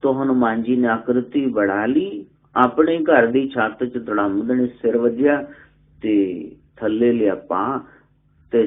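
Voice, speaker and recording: A male spiritual teacher tells a sacred story and brings its voices to life. He speaks slowly and deliberately. The recording is narrow and tinny, like a phone line. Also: medium pitch. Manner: animated storyteller, acting out voices. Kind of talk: religious storytelling discourse.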